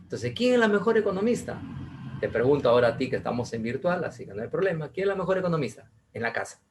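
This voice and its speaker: A man's voice: a little high, very animated, fast talker, background noise. A middle-aged man teaching an online class in a chatty, questioning way, often repeating his key points.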